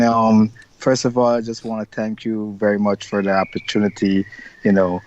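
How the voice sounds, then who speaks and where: This interview guest is a middle-aged Guyanese man who organizes carnivals, speaking with his local accent on a casual video call. His voice is lowish and a little mellow, and his talk is upbeat, rambling, and full of fillers. The lo-fi call audio sounds dull and dry, with no room sound.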